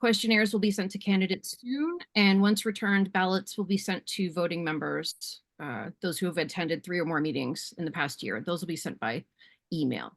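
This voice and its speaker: Woman hosting a zoom meeting, brisk businesslike announcements, dry sound. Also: on the low side, no room sound. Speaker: meeting host. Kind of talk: running an online community meeting. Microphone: video call.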